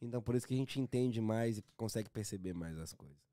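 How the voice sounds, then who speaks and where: Um homem brasileiro explicando suas ideias com seriedade numa conversa descontraída. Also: male voice, fairly low pitch, fast talker, dark tone, no echo. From Brazil. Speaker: band member guest. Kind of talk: casual podcast chat.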